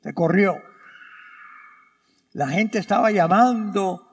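Brief: middle-aged male priest, high gravelly voice, slow emphatic sermon, church reverb. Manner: storytelling with quoted voices, emphatic pauses.

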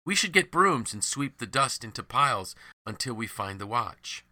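A man's voice: mid-range voice, very animated, normal speed, bright, forceful tone, dry recording. A man voicing a practical workman who earnestly suggests a plan.

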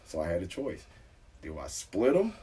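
A man with a husky, breathy voice tells a profane story in casual chat. He acts out what people said and talks with animation. He sounds set back from the microphone. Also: low-pitched, wildly swooping pitch, moderate pace, mellow, far from the mic.

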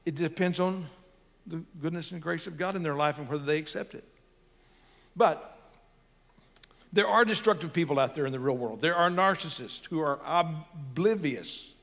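A man's voice: fairly high pitch, a bit bright, big-room sound. A man preaching a sermon as pastor, earnest and building to emphatic peaks.

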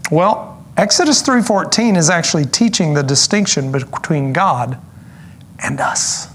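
A man preaching a sermon in an earnest, explanatory tone. His voice sits a little high for a man. He slows down to stress key points and drops in casual asides, with a faint hiss behind him. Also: expressive, fairly bright tone. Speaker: pastor.

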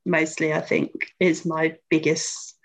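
A woman's voice: low-pitched, level tone, slow, gravelly. London-accented woman who drops her T's. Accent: London-area English. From Luton, England. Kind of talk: casual chat.

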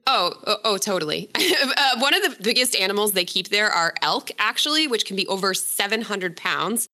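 A woman's voice: medium pitch, expressive, normal speed, pushed and bright. A woman presenting a story in a casual podcast chat, chatty and laughing often as she corrects herself.

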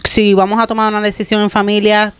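Woman, casual podcast co-host, smooth resonant voice, dry close mic, emphatic storyteller. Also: medium pitch, monotone, fast, dry recording. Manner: warm storytelling, emphatic repeats. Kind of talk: casual chat.

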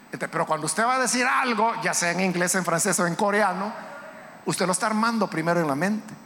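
High-voiced pastor preaching in a hall. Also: male voice, fairly quick. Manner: impassioned preaching, rising to shouts. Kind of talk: sermon. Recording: hall reverb, faint background noise.

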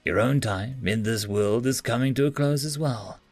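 A man voices a quiet, patient interrogator who keeps his tone low and even. He sounds controlled and coaxing, recorded close and dry. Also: normal speed, no echo, soft background music, lightly acted. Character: patient male human interrogator.

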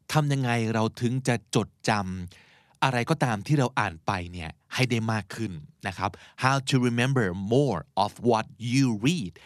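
A man's voice: mid-range voice, fairly bright tone, no room sound, clean studio sound. A man hosting a podcast, teaching English vocabulary in a chatty, encouraging way and mixing in English terms. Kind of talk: casual explanatory teaching.

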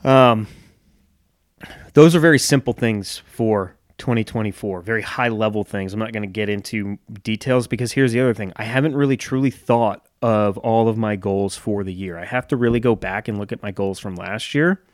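A man's voice: fairly low pitch, normal speed, dry recording, clean studio sound. A man hosting a solo podcast, talking candidly and reflectively, joking and swearing now and then. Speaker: podcast host and gym owner. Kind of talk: solo casual podcast monologue.

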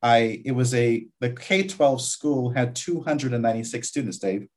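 A man's voice: mid-range voice, normal speed, a little mellow. A man from Guyana, a community college vice president, talking reflectively in an interview with frequent restarts. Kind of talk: interview conversation.

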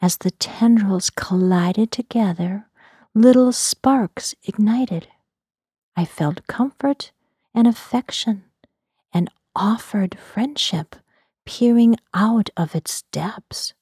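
A woman narrating a fantasy story in a soft, unvoiced whisper for ASMR. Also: mid-range voice, slow, slightly rough, dry recording, clean studio sound.

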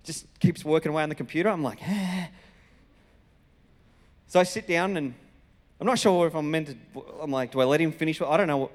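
A fairly high-voiced man talks quickly, preaching as a pastor with an Australian accent. His sermon is full of personal stories told in a colloquial, conversational manner, and he acts out the dialogue. The sound is reverberant, like a hall.

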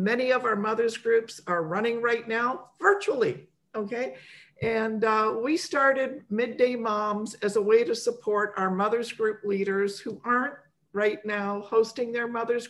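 A woman hosting an online program for mothers, welcoming listeners informally in a chatty, halting way. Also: fairly high pitch. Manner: chatty, often chuckling, halting.

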